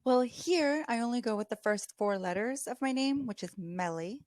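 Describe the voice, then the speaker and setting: Woman, slightly high voice, dry close sound, chatty tutor, video call, casual filler-heavy talk. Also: moderate pace, darkish tone, no echo. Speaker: online English tutor. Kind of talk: casual conversation practice.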